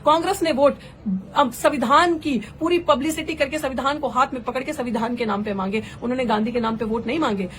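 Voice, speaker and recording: Young woman, activist, impassioned address, fervent, rhetorical questions, higher voice, faint background hiss. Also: a little fast, a bit bright, rough recording. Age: young adult. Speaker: political activist.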